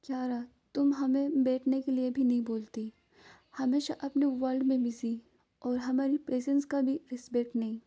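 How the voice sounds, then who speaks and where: A woman voicing a calm, caring middle-aged mother who speaks softly and gently. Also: high-pitched, moderate pace. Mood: gentle. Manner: soft, gentle.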